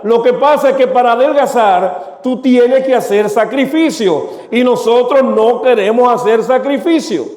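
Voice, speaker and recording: A man's voice: extremely high pitch, darkish tone. A man preaching a sermon to his congregation, asking them rhetorical questions. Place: church. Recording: echoey church hall.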